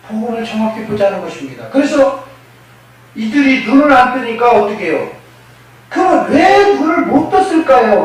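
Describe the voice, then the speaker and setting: A man preaching a sermon as pastor, who keeps asking his congregation rhetorical questions and acts out quoted speakers. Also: high voice. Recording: echoey hall, mic at a distance, faint noise.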